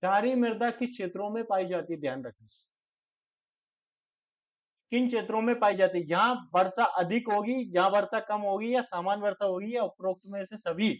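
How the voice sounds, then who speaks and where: A high-pitched man runs an online exam-prep class, repeating each question and answer for his students. He cuts in with teasing jokes and scolding asides. The audio sounds dull and slightly muffled. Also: normal speed. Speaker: exam coaching teacher.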